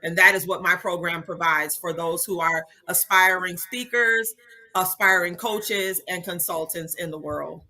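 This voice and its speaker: A woman's voice: fairly low pitch, steady tone, a little slow, bright, forceful tone. A woman speaker and coach answering interview questions in a polished, upbeat way.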